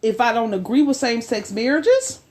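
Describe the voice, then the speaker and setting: A woman co-hosting a podcast discussion, speaking emphatically with a preaching cadence and slow, stressed phrases. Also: fairly high pitch, sing-song, darkish tone. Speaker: podcast co-host.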